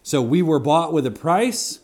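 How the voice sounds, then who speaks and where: A man's voice: on the high side, expressive, measured pace. A man preaching an expository sermon in a teacherly way, repeating key phrases for emphasis and checking in with his listeners. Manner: didactic, with rhetorical questions and asides to listeners.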